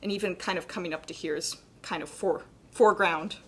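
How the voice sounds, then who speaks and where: A woman's voice: on the low side, a little fast, noisy background. A young adult woman with a slightly cracking voice, teaching a live painting demonstration in a casual, chatty way. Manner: casual, chatty explaining with many "like" and "kind of". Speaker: painting instructor.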